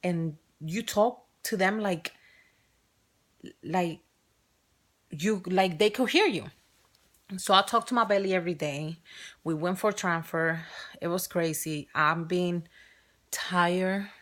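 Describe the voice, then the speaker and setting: A woman in her thirties with a strong Spanish accent chats openly in a personal vlog, often restarting and correcting herself. Her voice sits on the low side and is a bit bright, and she speaks slowly with frequent pauses.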